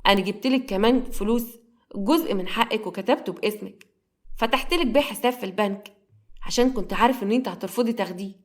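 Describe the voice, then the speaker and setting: A woman's voice: medium pitch, fast talker, natural voice. A woman voicing an earnest, apologetic young man in Egyptian Arabic.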